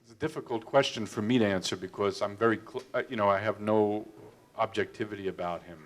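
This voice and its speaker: A man's voice: fairly low pitch, steady tone, fast. A man who is a film director tells anecdotes at a public Q&A, self-deprecating and often stammering into restarts. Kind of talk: storytelling talk at a public Q&A.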